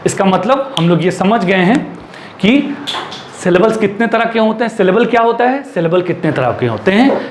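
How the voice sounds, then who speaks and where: High-voiced man teaching in an echoey room. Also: expressive. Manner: repeats and dictates slowly while writing; asks the class questions and answers them himself. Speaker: English teacher. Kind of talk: classroom lesson, Hindi with English. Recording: echoey room with faint ambient noise.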